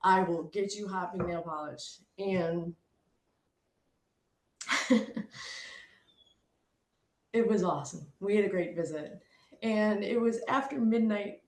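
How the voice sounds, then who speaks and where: Woman, middle-aged, mid-pitched, emotional personal storytelling, echoey room. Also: a little mellow. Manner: emotional, heartfelt, pausing, fighting back tears. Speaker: speaker sharing a personal story.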